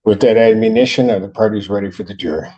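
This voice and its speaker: A man's voice: fairly low pitch, quick pace, mellow, breathy edge, lo-fi sound. A man presiding as judge, sternly admonishing a defendant during court proceedings, heard on a courtroom recording.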